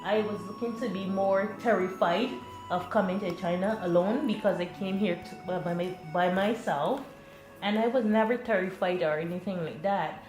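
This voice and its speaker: A woman from Barbados leads a relaxed classroom discussion, chatty and encouraging with her students. Her voice sits in a middle register and carries a noticeable room echo. Music plays clearly in the background. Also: medium pitch, normal speed. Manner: chatty, encouraging, laughs often. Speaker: teacher.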